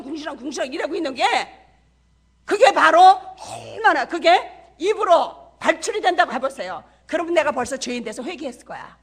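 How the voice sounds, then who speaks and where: A woman's voice: very high-pitched, fairly bright tone. A middle-aged woman missionary preaching a sermon in a church, passionate and full of rhetorical questions to the congregation.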